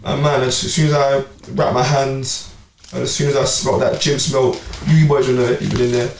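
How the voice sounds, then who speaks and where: A man's voice: medium pitch, fairly quick, creaky. A young man telling his boxing story in a casual podcast chat, full of slang and repeats. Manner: animated storytelling with street slang. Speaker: amateur boxer and club player. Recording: roomy, distant mic, faint noise.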